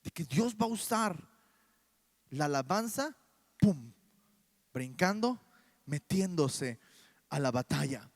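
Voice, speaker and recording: A man with a Mexican Spanish accent preaching a sermon in church, animated and full of rhetorical questions. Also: on the high side, slow, long pauses.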